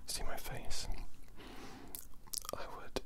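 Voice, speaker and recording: A British man speaking in a breathy, soft ASMR whisper, ear to ear, close to the microphone, in an unhurried, apologetic way. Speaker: ASMR content creator. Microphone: close stereo microphone, ear to ear.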